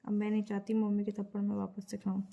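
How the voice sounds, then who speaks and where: A young woman talking softly and defensively with her boyfriend in a casual phone chat. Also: mid-range voice, monotone, vocal fry, dull audio, slight background noise. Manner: quick, defensive, speaks softly. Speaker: girlfriend on a phone call.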